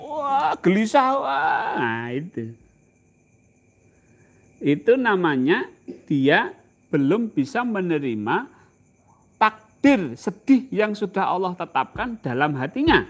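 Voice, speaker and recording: A man's voice: sits high, sing-song. A man with a Javanese accent giving an informal religious lecture, often putting questions to his listeners and stretching his words for emphasis. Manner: asks the audience questions, drawn-out emphatic phrasing. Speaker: religious teacher.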